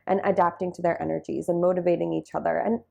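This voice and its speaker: A woman's voice: lowish voice, little pitch movement, quick pace, vocal fry, mellow, lo-fi sound. A young woman being interviewed about her dance journey, talking in a reflective, casual way with many fillers. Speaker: interview guest, Bharatanatyam dancer.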